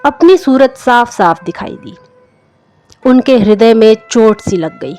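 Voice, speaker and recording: With music running beneath her, a woman narrates a literary story from a script in the style of an audiobook. Her fairly high voice has a sing-song lilt and a darkish tone, and she reads slowly.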